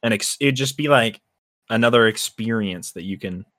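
A man's voice: lowish voice, normal speed, a bit bright, no room sound, clean studio sound. A young man in casual banter with friends, teasing and rambling through his thoughts. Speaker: friend in a group chat.

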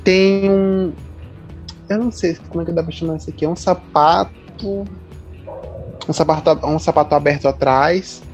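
A woman's voice: fairly low pitch, steady tone, normal speed, darkish tone, highs cut off, soft background music. A woman chatting casually with friends, answering quiz questions and often stopping to correct herself. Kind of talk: casual chat.

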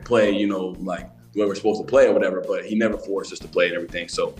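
A young man from Alabama, a college basketball player chatting as a podcast guest in a relaxed, rambling way. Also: sits low, rapid-fire, faint music behind. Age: young adult. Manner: relaxed, rambling, many restarts. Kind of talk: casual interview chat.

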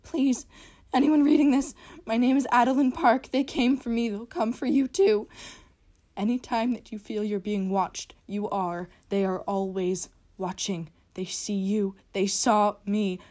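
Lady playing a freaked out young woman, loud and shrill, begging, horror story. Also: fairly even intonation, a little slow, close to an everyday voice. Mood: panicked. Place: closet.

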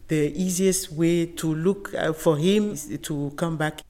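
Middle-aged woman, Togolese accent, unhurried and halting interviewee, lowish voice, long room reverb. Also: mellow. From Togo. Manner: halting, non-native English phrasing. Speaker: interviewed photographer. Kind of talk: personal recollection in an interview. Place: indoors in an exhibition gallery with long reverb.

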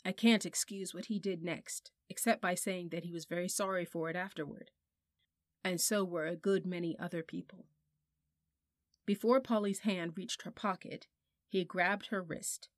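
Female storybook narrator, measured and softly expressive, dry close mic. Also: on the low side, no room sound. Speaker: audiobook narrator.

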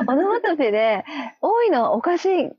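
Pitched high with big swings and a measured pace, a woman co-hosting a casual chat giggles frequently and playfully voices nonsense syllables with her friend. The recording is dry, with a dull lo-fi quality.

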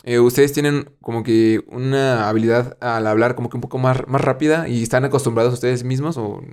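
A man with a Mexican accent hosting a podcast, asking long rambling questions in a relaxed, slangy way. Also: medium pitch, brisk. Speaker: podcast host. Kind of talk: casual chat.

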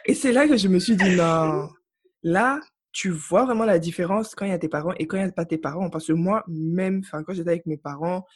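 A woman's voice: fairly low pitch, a little fast, husky. A young woman from Africa chatting casually on a podcast, telling stories emphatically. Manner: emphatic, animated storytelling. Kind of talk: casual chat.

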